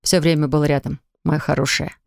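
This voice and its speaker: Brief: woman reading as a gentle, doting husband, soft and low, dry close studio read. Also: level tone, moderate pace, gravelly, no room sound. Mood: tender. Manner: soft, soothing, affectionate. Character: tender man in his thirties, devoted new father.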